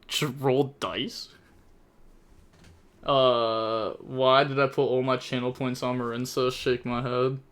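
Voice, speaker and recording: A man's voice: mid-range voice, little pitch movement, takes it slowly, fairly bright tone, clear, resonant tone. A young man casually commentating a card game tournament on a live stream, chatty and thinking aloud, repeating phrases and laughing often.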